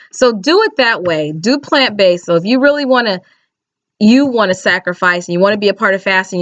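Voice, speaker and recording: A woman's voice: mid-range voice, fairly bright tone, no room sound. A middle-aged American woman chatting casually to camera, giving plain-spoken, instructive advice straight to the viewer. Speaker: video blogger. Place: small indoor home room. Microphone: webcam or laptop mic at arm's length. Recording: dull lo-fi webcam audio.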